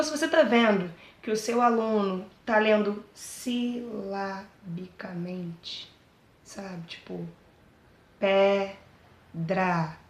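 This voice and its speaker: A woman's voice: mid-range voice, reverberant. A Brazilian woman talking casually and earnestly about her own life, often checking that listeners understand. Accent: Brazilian Portuguese. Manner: chatty, keeps asking "entendeu?"; earnest and pleading when addressing teachers. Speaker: vlogger speaking about her dyslexia. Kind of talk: casual personal talk to camera.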